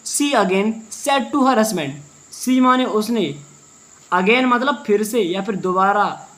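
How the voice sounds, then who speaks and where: Fast-talking male teacher drilling words. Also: high-pitched, fairly bright tone. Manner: answers his own questions, repeats "okay" often. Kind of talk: word-by-word translation lesson.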